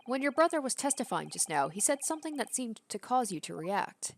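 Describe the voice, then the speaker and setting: Casting: female reader as young male game attorney, polite, probing, animated pitch. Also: a little fast. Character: earnest, polite young male defence lawyer. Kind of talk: video game character read-aloud.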